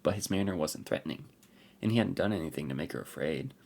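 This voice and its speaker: A man, a podcast host, narrating a fantasy story in an expressive, unhurried way. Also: sits low, gravelly.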